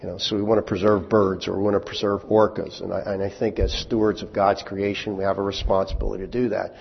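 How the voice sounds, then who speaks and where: A pastor speaks quickly in a low, creaky, slightly rough voice with little pitch movement, preaching a conversational sermon. He asks the congregation rhetorical questions and raises his voice to quote scripture. The recording is dull and lo-fi with long hall reverb.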